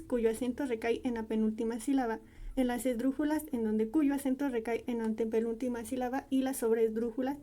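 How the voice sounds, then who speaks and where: A woman's voice: fairly high pitch, dark tone. A young woman student reading her team's class presentation aloud from a prepared script. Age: young adult.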